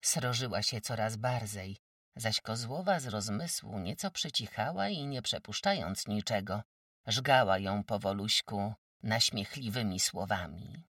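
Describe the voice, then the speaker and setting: An audiobook narrator telling a rural tale with lively, rising and falling intonation. The sound is dry, with the voice a bit far from the mic. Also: medium pitch, a little slow, no room sound. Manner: lively, expressive storytelling.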